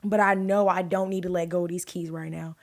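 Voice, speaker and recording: A woman's voice: lowish voice, a little fast. A young woman, telling a story casually on her vlog, full of fillers and acting out the voices in her story. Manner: animated, many fillers, acts out quotes in a raised voice. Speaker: vlogger.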